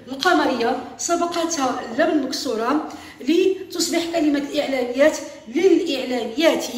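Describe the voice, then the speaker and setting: A woman teacher giving a primary school dictation lesson. She speaks slowly and repeats words syllable by syllable. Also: sits high. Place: classroom. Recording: very echoey room.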